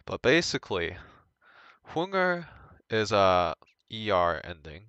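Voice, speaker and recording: A young man giving an informal language lesson, thinking aloud in a halting way and correcting himself as he goes. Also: fairly low pitch, sing-song, sharp tone, clear, resonant tone, no echo, muffled recording. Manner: hesitant, halting, self-correcting. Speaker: language tutor.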